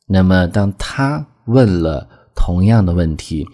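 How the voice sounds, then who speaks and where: A man teaching English vocabulary, explaining each phrase patiently and reading example sentences slowly twice. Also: sits low, animated, dark tone.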